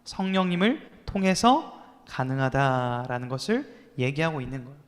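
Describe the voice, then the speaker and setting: A man's voice: medium pitch, expressive, moderate pace, big-room sound. A man in his thirties preaching a youth sermon as a pastor, telling stories with acted quotes and asking the listeners rhetorical questions. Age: 30s.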